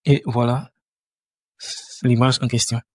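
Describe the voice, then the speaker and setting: A man's voice: medium pitch, little pitch movement, slow pace, breathy edge, no echo. Hesitant male tutor, dry recording. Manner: hesitant, many fillers and restarts. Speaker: language teacher. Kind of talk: screen-share tutorial.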